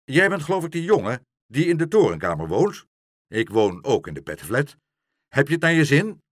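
A man voicing a brisk, fatherly army major in a children's storybook, hurried and commanding. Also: on the high side, sing-song, no echo, clean studio sound, pitched above the performer's own voice. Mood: friendly. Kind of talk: storybook reading.

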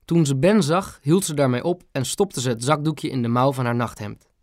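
A narrator reading a children's story aloud in an audiobook reading, with expressive storytelling. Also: mid-range voice, moderate pace, no echo, studio quality.

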